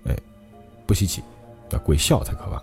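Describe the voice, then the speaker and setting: A male podcast host telling a ghost story in a dramatic, lively way. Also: brisk, music in the background.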